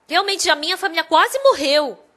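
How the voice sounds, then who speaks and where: A woman delivers a sermon by retelling a personal story, her voice sitting high for a woman. She moves between hushed reflection and emphatic stretches, keeping the telling lively. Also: normal speed. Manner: animated storytelling, loudness swinging from hushed to emphatic.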